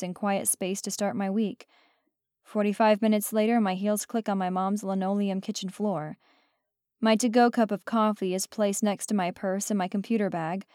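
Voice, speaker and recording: A woman's voice: mid-range voice, a little mellow, no echo. Woman reading a first-person novel, dry sound. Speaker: audiobook narrator. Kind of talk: first-person scripted narration.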